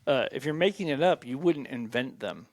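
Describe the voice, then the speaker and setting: Gravelly-voiced man thinking aloud. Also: mid-range voice, animated, moderate pace, no room sound. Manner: talks through ideas aloud, many fillers. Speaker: podcast co-host. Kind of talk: casual Bible discussion.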